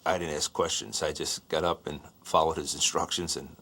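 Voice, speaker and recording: A man giving interview testimony in a calm, low way. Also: normal speed. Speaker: interviewee, survivor.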